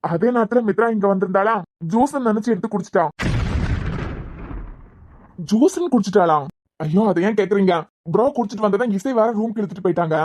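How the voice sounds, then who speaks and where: A woman with a Kanyakumari Tamil accent voicing an exasperated young man who answers with quick, sarcastic explanations in a cartoon web series. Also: mid-range voice, darkish tone, a little hiss or hum, lightly acted. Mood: explaining. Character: exasperated young man, patient but fed up.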